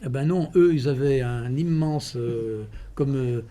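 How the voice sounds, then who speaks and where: A man giving informal interview answers, telling stories in a halting way with repeated words. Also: mid-range voice, mellow. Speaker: president of a running club, interviewee.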